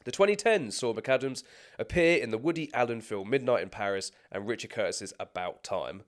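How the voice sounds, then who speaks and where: A man's voice: mid-range voice, expressive, fairly quick. A man co-hosting a film podcast who chats casually, restarts his sentences and reads out a scripted career rundown. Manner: chatty, stumbling restarts, frequent laughter. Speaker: podcast co-host.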